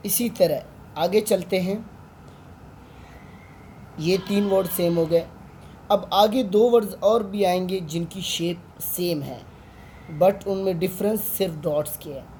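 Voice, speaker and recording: A man's voice: high-pitched, takes it slowly, pauses often, dark tone, slight background noise. A man with a Pakistani Urdu accent, an online Quran tutor patiently teaching Arabic letters and drawing out each sound.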